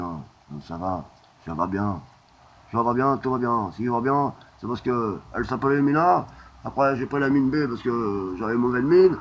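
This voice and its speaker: A man's voice: fairly low pitch, husky. A man talking in a rambling, disjointed monologue, crude and full of "hein" fillers, drifting from topic to topic.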